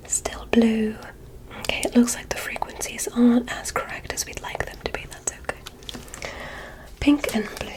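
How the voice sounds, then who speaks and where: In a whispered ASMR roleplay, a woman plays a curious, polite alien examiner, speaking softly, deliberately and clinically. Her natural-sounding voice sits on the high side, and the audio quality is poor.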